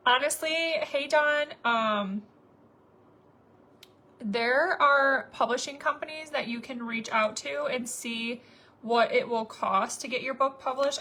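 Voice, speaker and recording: Thirties woman vlogger, casual filler-heavy chat, pitched a bit high. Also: pushed and bright, slightly rough. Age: 30s. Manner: chatty, rambling, many fillers. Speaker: makeup vlogger. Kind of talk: casual chat to viewers while doing makeup.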